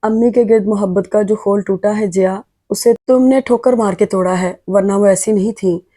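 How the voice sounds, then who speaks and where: A woman narrating as a wronged young wife, tearful yet defiant. Her voice is warm and mellow, and she presses every point insistently. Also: medium pitch, steady tone, normal speed, dry recording, studio quality, natural voice.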